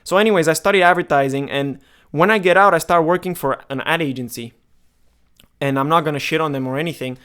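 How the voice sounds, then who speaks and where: A man in his twenties, originally from Romania, talks straight to the camera in a frank, emphatic way. His voice sits a little high and sounds smooth and clear. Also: fast talker, a bit bright. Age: 20s. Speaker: marketing vlogger. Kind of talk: casual direct-to-camera monologue.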